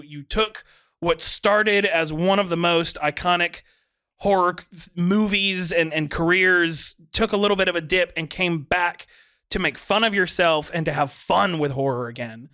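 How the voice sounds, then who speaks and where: Male podcast co-host, high bright voice, eager verdicts in quick bursts. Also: smooth. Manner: enthusiastic, gives verdicts in short bursts. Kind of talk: casual movie review chat.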